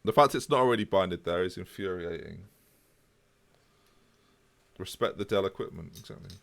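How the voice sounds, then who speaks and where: A man's voice: deep voice, moderate pace, creaky, a bit bright. A man, chatting casually with viewers on a live stream. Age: 20s. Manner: chatty, jokey, answers chat.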